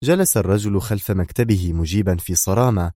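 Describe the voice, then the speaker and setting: A man reading a spy novel aloud as narrator, in a steady, measured delivery. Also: low-pitched, no room sound, studio quality. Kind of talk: scripted audiobook narration.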